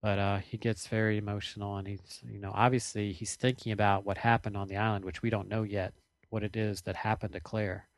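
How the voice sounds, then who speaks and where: A man's voice: on the low side, little pitch movement, brisk, no echo. A man co-hosting a podcast, casually recapping a TV episode at length and correcting himself as he goes. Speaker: podcast co-host.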